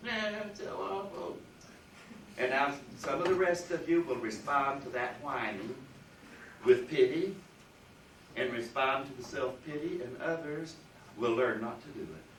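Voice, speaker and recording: Heard from the far side of a roomy lecture hall, a man delivers a university philosophy lecture, stressing important words forcefully. His voice sits at medium pitch and is a bit bright. The faint room ambience carries a little hiss or hum.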